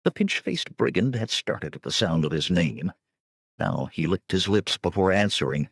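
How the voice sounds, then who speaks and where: A man narrating an adventure audiobook with expressive storytelling. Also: deep voice, normal speed, creaky, slightly rough, no room sound, clean studio sound. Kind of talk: scripted narration.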